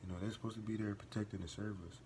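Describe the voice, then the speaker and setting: Racing along over a noisy background, a man with a fairly low, level-toned voice gives casual reaction commentary. Earnest and impassioned, he repeats and restarts phrases, working up to emphatic bursts.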